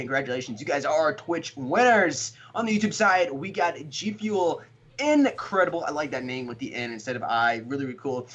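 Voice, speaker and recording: A man's voice: fairly high pitch, fairly bright tone, husky. An American man moderating an esports livestream, announcing giveaway winners in an upbeat, casual way. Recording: slightly dull lo-fi stream audio.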